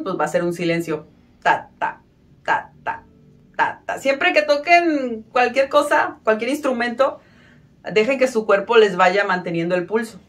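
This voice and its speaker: A woman giving a casual violin lesson, friendly and self-mocking, counting beats aloud. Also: medium pitch. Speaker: violin teacher.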